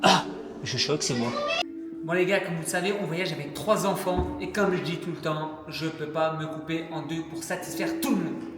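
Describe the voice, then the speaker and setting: A travel vlogger chats casually to his viewers, calling them "les gars," hesitating often and filling his speech with fillers as he films outdoors in a city and inside a vehicle. His voice is fairly high and his pace normal. The outdoor vlog audio is noisy, with loud music behind him.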